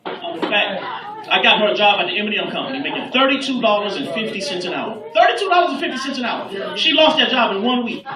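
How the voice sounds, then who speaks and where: A man's voice: high-pitched, animated, quick pace. A man performing a stand-up set to a live audience, talking casually and playfully working the crowd. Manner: conversational, playful crowd work. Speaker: stand-up comedian. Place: club stage before a live audience. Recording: roomy club audio from a distance with audience noise.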